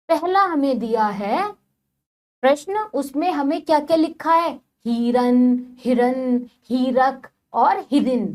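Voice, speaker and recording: A woman teaching a children's lesson, talking to the children directly in a sing-song way and spelling words out sound by sound. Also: high voice. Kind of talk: children's Hindi lesson on vowel signs.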